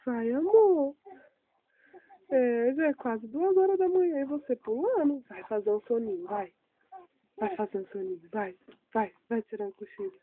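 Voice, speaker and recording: A woman's voice: high-pitched, sing-song, normal speed, narrow, tinny audio. A Brazilian mother cooing in singsong baby talk, playing peekaboo at home late at night and recorded on a phone. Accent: Brazilian Portuguese. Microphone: phone held close.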